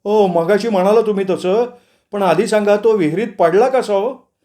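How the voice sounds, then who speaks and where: Male storyteller as a loud, eager farm owner, pitched up, mellow tone. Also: normal speed, lightly acted. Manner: loud, eager, apologetic questioning.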